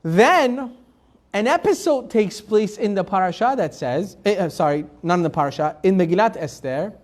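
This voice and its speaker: A rabbi with a high, animated voice teaches a live Torah class at an ordinary speed. He reads Hebrew verses, translates them phrase by phrase, and loosely tosses rhetorical questions at the class, full of restarts and fillers.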